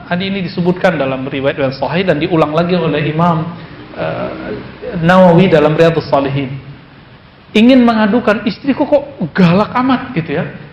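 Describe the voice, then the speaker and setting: Male preacher, high voice, chatty teasing sermon delivery, echoey hall with faint hum. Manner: conversational, teasing, quotes Arabic then explains in Indonesian. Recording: echoey room with faint background noise.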